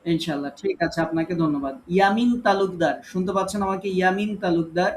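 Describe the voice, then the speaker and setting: A man's voice: high-pitched, quick pace, slight background noise. A man teaching Quran recitation in an online class, with a Bangladeshi Bengali accent, calling on students one by one and patiently correcting their reading.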